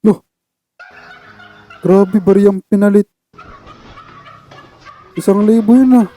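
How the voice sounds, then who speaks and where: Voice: mid-range voice, steady tone, takes it slowly, warm tone. Muffled-toned Filipino reactor trying not to laugh. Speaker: reaction video host. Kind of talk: casual reaction commentary to funny clips.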